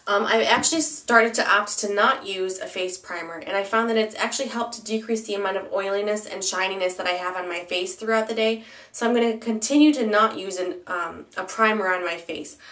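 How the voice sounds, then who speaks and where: A young beauty vlogger reviews a product in a casual chat, her medium-pitched, slightly bright voice stuffy and nasal from a cold. She uses plenty of ums and restarts, and she sounds reverberant and far from the mic.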